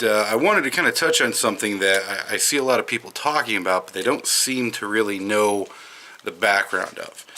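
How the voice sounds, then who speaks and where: A man with a light Wisconsin accent talks off the cuff outdoors during a smoke break. His slightly low voice has a bright, forceful edge. He rambles, with plenty of fillers and false starts. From Madison, Wisconsin, USA. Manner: rambling, with frequent fillers and restarts. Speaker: video commentator. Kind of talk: casual unscripted monologue.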